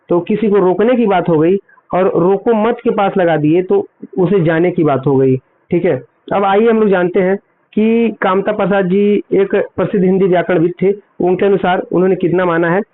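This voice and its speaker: This grammar teacher's voice is high-pitched and his pace moderate, the sound thin as if through a phone. He breaks exam material down step by step, going over points again and answering his own quiz questions.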